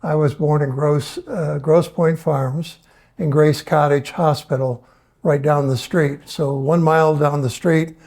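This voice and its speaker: A man in his seventies talking casually to an audience, folksy and hesitant, often pausing on fillers and asking the crowd questions. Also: a little high, fairly even intonation, a little mellow. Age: 70s. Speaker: presenter.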